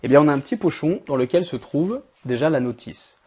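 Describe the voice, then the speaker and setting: Hosting an event-equipment channel's product review, a man talks informally and directly to the viewer, his voice strained, worn out, giving out and hoarse from a cold. It is a little high, a little mellow and a little fast, with lively intonation.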